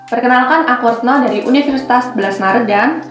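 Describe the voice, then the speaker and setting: A young adult woman from Central Java, an intern student co-hosting an educational podcast, speaks fast in a fairly high voice with a Solo-Yogya Javanese accent. In this scripted educational chat she asks curious follow-up questions. The recording is rough, with an echoey room and soft background music.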